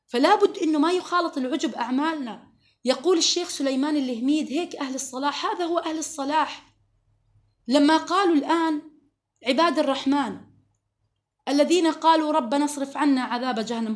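A woman teaching a religious lesson to women, explaining verses and asking her listeners questions, slowing down to recite. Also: high voice.

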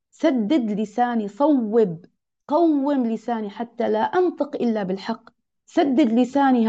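A woman's voice: fairly high pitch, warm tone. A woman teaching a religious lesson to other women, earnest and exhorting, repeating key phrases. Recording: dull lo-fi recording.

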